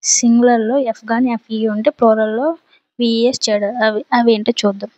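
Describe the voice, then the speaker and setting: Woman, Telugu accent, grammar teacher, methodical step-by-step delivery, slightly high voice, dry sound. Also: fairly quick, dry recording, dull audio. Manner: steady, explains step by step with examples. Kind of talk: explaining a grammar lesson.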